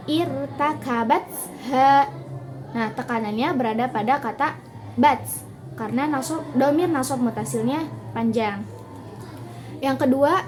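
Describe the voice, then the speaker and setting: A young woman from Indonesia, a university student, reading out a class presentation on Arabic phonetics. She works through numbered lists at a steady pace and slows down for the Arabic examples. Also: sits high, background noise.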